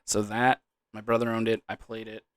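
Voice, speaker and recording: A man's voice: on the low side, completely flat delivery, normal speed, dry recording. A young man in a loose, drunken, rambling casual chat about gaming, trailing off, repeating words and swearing casually. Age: young adult. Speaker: gaming vlogger.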